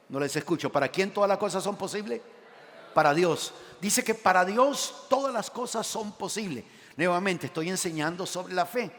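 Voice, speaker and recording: Pastor preaching in a reverberant church. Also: male voice. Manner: asks the congregation questions and reads scripture aloud; animated, swinging between loud emphatic lines and quiet low asides. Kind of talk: sermon. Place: church sanctuary. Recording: long church hall reverb.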